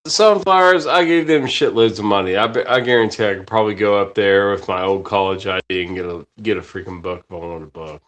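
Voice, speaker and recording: A man's voice: lowish voice, fast, few pauses, fairly bright tone. A man in his late forties chatting casually on a podcast, rambling, swearing often and restarting his sentences. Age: 40s. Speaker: podcast host. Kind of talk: casual chat.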